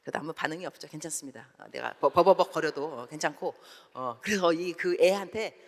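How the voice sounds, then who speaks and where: 재미교포 여성 선교사의 주일 설교로, 대화를 흉내 내며 이야기를 생생하게 풀어간다. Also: female voice, low voice, fairly quick. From United States. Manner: animated storytelling, acts out dialogue. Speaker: missionary preacher. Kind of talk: sermon. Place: large church sanctuary. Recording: long church hall reverb.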